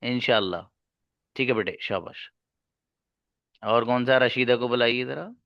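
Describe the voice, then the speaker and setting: A man's voice: medium pitch, measured pace, dry recording, dull audio. A man teaching an online class, talking emphatically and calling his listeners brother. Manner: emphatic, addresses listeners as brother, switches into Arabic and English examples. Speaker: English teacher.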